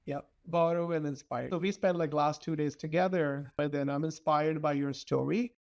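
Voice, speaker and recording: Higher-voiced host, friendly questions. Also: male voice, steady tone, moderate pace, vocal fry. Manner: warm, appreciative, loosely phrased questions. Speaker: podcast host. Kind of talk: conversational interview.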